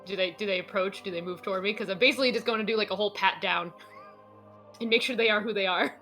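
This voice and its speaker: A woman's voice: mid-range voice, fast talker, sharp tone, soft background music. A woman chatting casually as a player in a tabletop game, informal and joking.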